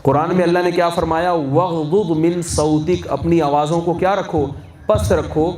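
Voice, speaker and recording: A man's voice: a little high, fairly even intonation, a little mellow. A man with a Pakistani Urdu accent gives a sermon at a wedding feast, asking the audience questions and answering them himself. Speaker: Islamic scholar. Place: large hall at a wedding reception. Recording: echoey, distant mic, faint hum.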